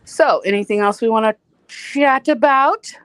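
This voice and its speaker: A woman's voice: fairly high pitch, a little slow, clear, resonant tone, dry recording. A woman hosting a casual live-stream chat, teasing and laughing often. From Saint Louis. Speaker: host.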